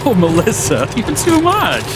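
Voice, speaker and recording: A woman's voice: on the high side, wildly swooping pitch, a little slow, heavy background noise. An actress playing an affected, snobbish society woman in a video game, with theatrical disdain. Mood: snide. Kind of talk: video game character dialogue. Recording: loud music behind.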